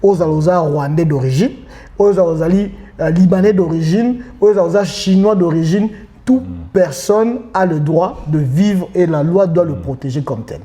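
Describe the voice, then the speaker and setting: A man's voice: fairly high pitch, normal speed, dark tone. A man with a Congolese French accent hosting a casual discussion, switching between French and Lingala as he leads each point. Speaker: podcast host.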